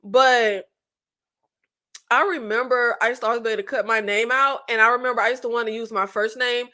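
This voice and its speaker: A woman in her late thirties chats casually and directly to viewers on her own channel, loose and talkative. Her high voice sounds bright and sharp, a little fast and fairly even in intonation, and she runs on with slangy asides and frequent laughter.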